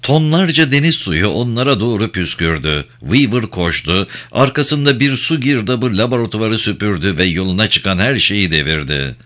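A man narrating an audiobook with a dramatic, expressive reading. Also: lowish voice, moderate pace, hardly any pauses. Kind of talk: scripted narration.

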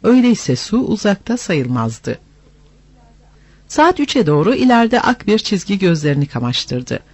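A man narrating an adventure story aloud in an expressive, animated reading style. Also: high-pitched, measured pace, breathy edge, no echo. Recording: dry, slightly dull lo-fi.

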